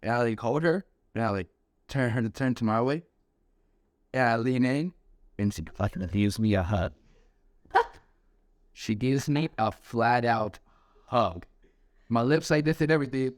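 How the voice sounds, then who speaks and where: A young man co-hosting a podcast, telling a story in animated, slangy, profane casual chat. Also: medium pitch, measured pace, long pauses, no room sound, studio quality. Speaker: podcast co-host.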